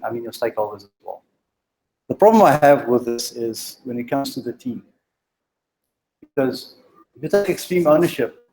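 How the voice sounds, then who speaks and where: This mid-range, dark-toned male voice belongs to a meetup speaker giving an informal leadership presentation to a live group. He is direct and exhorting but halting, stuttering through frequent ums and restarts, and the audio is poor.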